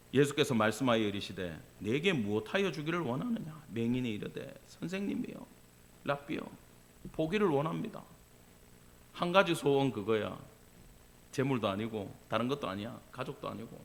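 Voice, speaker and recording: A male pastor preaching with a lively, bright voice that rides high and sweeps up and down. He drops to quiet, chatty asides, then swells into loud cries, and he talks to the room in a casual way. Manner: casual banmal asides to the congregation. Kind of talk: sermon.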